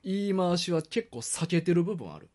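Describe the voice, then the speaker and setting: A man's voice: sits high, animated, moderate pace, a little mellow. Nasal Kansai man, blunt teasing. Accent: Kansai Japanese. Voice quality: nasal, throaty. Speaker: radio show co-host. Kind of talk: casual chat.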